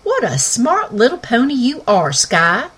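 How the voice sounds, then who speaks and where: A woman voicing a kind father in a children's story, gentle and cheerful in manner. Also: fairly high pitch, huge pitch swings, measured pace, breathy edge, pitched above the performer's own voice, exaggerated voice. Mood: warm.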